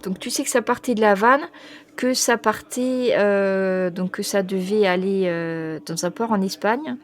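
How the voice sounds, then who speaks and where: A woman running a tabletop role-playing game as game master, reading out a long list with many pauses and fillers, stumbling over foreign names. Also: mid-range voice. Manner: reads foreign names haltingly.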